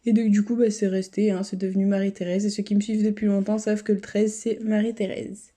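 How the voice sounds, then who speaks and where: A woman vlogger talks her viewers through what she is doing in a relaxed, chatty way. Her voice is deep-toned and mellow, at a middle pitch for a woman. She slips into quiet mutters and near-whispers at times, picked up by a camera set on a table. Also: fast talker. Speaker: YouTuber. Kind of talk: casual running commentary while scratching lottery tickets.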